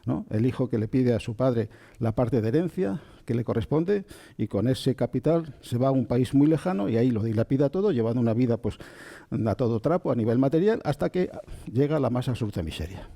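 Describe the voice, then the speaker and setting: A man teaches in a calm, unhurried voice that is dark and mellow. His pitch rises and falls a lot as he explains and asks his listeners questions. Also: vocal fry. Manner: slow and gentle, checks in with listeners. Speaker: spiritual teacher. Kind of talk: calm spoken lecture on Kabbalah.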